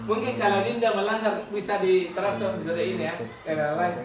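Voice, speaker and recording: A woman's voice: mid-range voice, steady tone, a little fast. A woman, a school principal and facilitator, presenting a training module and acting out classroom examples. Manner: explanatory, acts out classroom examples. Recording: echoey room, mic far off, crowd noise.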